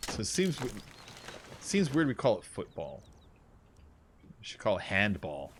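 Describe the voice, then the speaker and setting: A man's voice: on the low side, huge pitch swings, a little slow, slight background noise. A man in his forties who streams games, chatting casually in a rambling, jokey way and laughing often. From United States. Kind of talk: casual chat while gaming.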